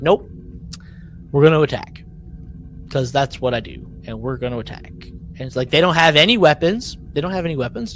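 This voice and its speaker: This podcast co-host has a voice on the high side with a fairly bright tone, heard over slight background noise. In an animated, casual recap, he speaks emphatically, repeats himself for effect and plays out mock quotes.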